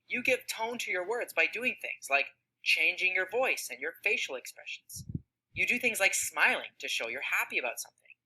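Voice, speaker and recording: A woman's voice: mid-range voice, sharp tone, breathy edge. A woman giving scripted narration for a children's explainer video, asking the kids questions and acting out different tones of voice.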